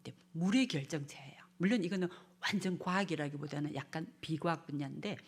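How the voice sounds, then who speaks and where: A woman's voice: deep voice, fast talker, husky. A woman giving a lecture at a church family seminar, acting out parents' and children's lines and sometimes dropping to a whisper.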